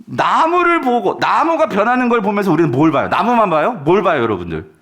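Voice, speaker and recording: A male pastor preaching a sermon, animated and constantly questioning his congregation. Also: high voice, fairly quick. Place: church sanctuary.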